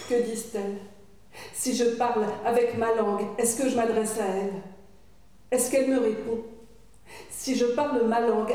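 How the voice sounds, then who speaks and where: Woman doing spoken-word poetry, slow chanting questions, dark mellow tone, far off in a big echoey room. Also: on the high side. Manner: measured, incantatory questioning.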